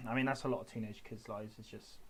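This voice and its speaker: A man's voice: lowish voice, fairly even intonation, a little fast, slight background noise. A man in his twenties chatting casually while painting models on a hobby stream, rambling and correcting himself as he goes. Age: 20s.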